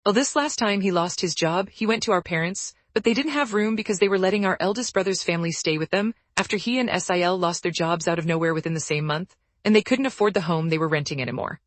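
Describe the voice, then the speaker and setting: A woman narrating forum posts aloud in a brisk, even storytelling read. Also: on the low side, dry recording.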